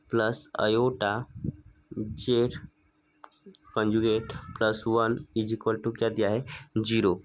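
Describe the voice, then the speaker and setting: Guy teaching maths step by step, keeps asking then answering himself. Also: medium pitch. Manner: asks rhetorical questions and answers them; slow, stepwise working-through. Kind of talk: spoken maths lesson.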